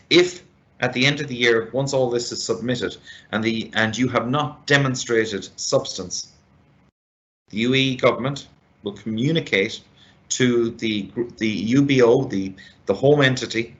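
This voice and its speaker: A man's voice: mid-range voice, a bit bright. A man giving an expert step-by-step business presentation, methodical and speaking straight to his listeners. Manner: methodical, deliberate, addresses listeners directly. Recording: dull, lo-fi band-limited sound.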